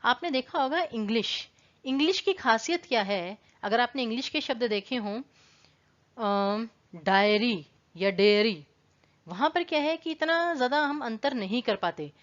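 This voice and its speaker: A woman's voice: a little high, expressive, normal speed, muffled recording. A woman teaching an online exam-prep lesson, explaining patiently and repeating words to contrast their pronunciation. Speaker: Hindi teacher.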